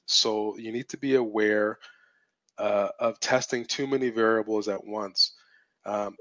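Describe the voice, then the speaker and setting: Teaching on a live-streamed webinar, a business mentor speaks bluntly and assertively, hammering points through repetition as his voice strains and cracks. He has a medium pitch, and the recording is dry and muffled.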